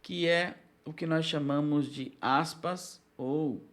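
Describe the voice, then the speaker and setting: Brazilian man teaching in a lively voice. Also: on the high side, takes it slowly. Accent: Brazilian Portuguese. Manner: explanatory, with frequent check-ins and restarts. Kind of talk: recorded lecture on biblical Greek.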